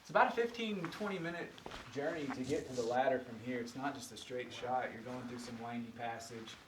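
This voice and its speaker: A man's voice: mid-range voice, brisk, distant mic. A man leads a tour as an echoing cave guide. His talk is folksy and explanatory, aimed straight at his listeners. The voice comes from off the mic, with long cave reflections and faint noise around it. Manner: folksy, addresses listeners directly. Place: inside a large cave.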